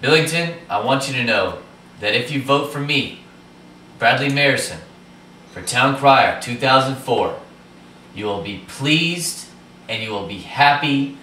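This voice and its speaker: A man's voice: medium pitch, lively intonation, a little slow, sharp tone. A young man playing a self-important small-town candidate giving an earnest, pompous mock campaign address, recorded in a small office. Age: young adult. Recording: roomy, distant camera mic, faint noise.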